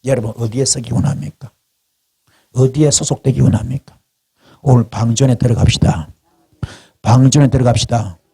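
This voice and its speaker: A man from South Korea preaching a fervent sermon as pastor in a prayer house, repeating calls in chant-like runs and rising to sharp climaxes. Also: medium pitch, a little fast, creaky, pauses often, husky.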